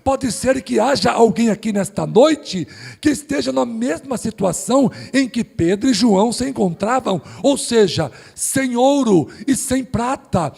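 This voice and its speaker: A man's voice: extremely high pitch, expressive, measured pace, creaky, darkish tone, husky, big-room sound. A man with a São Paulo accent, pastor preaching a sermon in a church, joking with the congregation and acting out little dialogues. Recorded from a live stream. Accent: Brazilian Portuguese, São Paulo. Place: church sanctuary.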